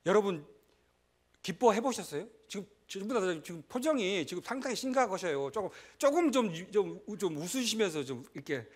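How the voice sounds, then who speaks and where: A middle-aged man preaching a sermon as pastor, conversational and animated, breaking into shouts and laughter. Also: high-pitched, normal speed.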